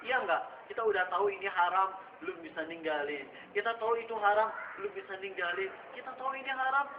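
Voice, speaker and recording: Man, preacher, storytelling sermon, acts out voices, high voice, echoey room, distant mic. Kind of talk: sermon to students. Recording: echoey room heard from far off, dull and noisy.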